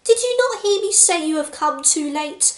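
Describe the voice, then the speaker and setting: A woman's voice: very high-pitched, lively intonation, moderate pace. A woman voicing a sinister, smug boy who speaks in a mocking way, in an echoey room.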